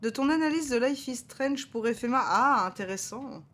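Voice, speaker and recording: A woman's voice: on the high side, animated, moderate pace, a bit bright. A woman doing casual, playful gaming commentary and chatting with her viewers. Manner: playful, joking. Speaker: live game streamer.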